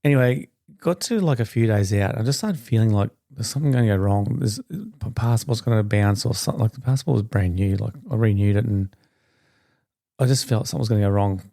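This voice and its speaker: A middle-aged man tells a story in a loose, rambling, chatty way, often restarting his sentences. His voice is low and gravelly, with a dark, mellow tone. The recording is dry and close. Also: a little fast, no echo. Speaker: podcast host. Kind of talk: casual storytelling monologue.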